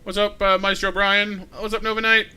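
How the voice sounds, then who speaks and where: Rambling, bright-voiced male streamer. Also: high-pitched, level tone, normal speed, clean tone. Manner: rambling, with many repeats and fillers. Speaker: live streamer. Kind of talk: casual live-stream chat.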